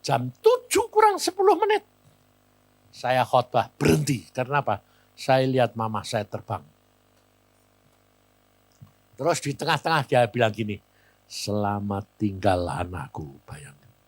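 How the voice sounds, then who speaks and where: A man's voice: mid-range voice, huge pitch swings, normal speed, dry recording. An older Indonesian man with a Javanese accent, preaching by telling personal stories in a blunt, plain-spoken way. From Central Java, Indonesia. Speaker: evangelist preacher. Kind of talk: sermon storytelling.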